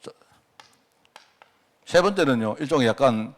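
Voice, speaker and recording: Middle-aged Korean pastor preaching conversationally. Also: male voice, mid-range voice, expressive, unhurried. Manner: conversational, rhetorical questions, acts out quoted prayers. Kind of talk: sermon. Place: church sanctuary.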